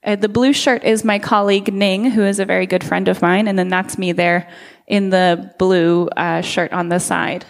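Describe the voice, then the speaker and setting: A woman's voice: mid-range voice, steady tone, normal speed, creaky. A woman from the United States in her thirties gives a friendly, earnest talk to a church congregation, with many filler uhs. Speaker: nonprofit speaker at a church. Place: church hall. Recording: long hall reverb.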